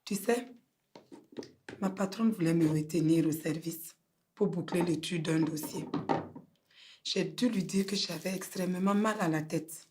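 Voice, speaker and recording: Lady playing a hurt wife, burkinabè french accent, lowish voice, pleading. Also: darkish tone, a little hiss or hum, close to an everyday voice. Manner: earnest, pleading.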